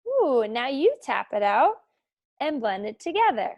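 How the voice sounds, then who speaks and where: A woman's voice: sits high, big pitch swings, muffled recording. A young woman teacher leading a phonics lesson for young children, encouraging them and praising them often. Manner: slow, sing-song, encouraging with frequent praise.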